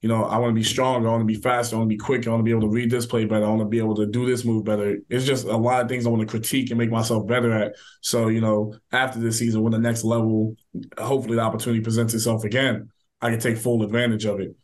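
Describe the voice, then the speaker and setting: A young man, a college football player, answering interview questions in a relaxed, casual way full of fillers. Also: fairly low pitch. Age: young adult. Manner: relaxed, filler-heavy, quick talk.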